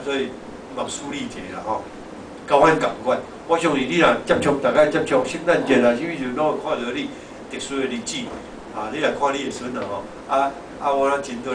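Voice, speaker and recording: A middle-aged or older male pastor with a Taiwanese Hokkien accent gives an informal, conversational sermon, exhorting and repeating his phrases. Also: mid-range voice. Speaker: pastor preaching. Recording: echoey hall, distant mic, noisy background.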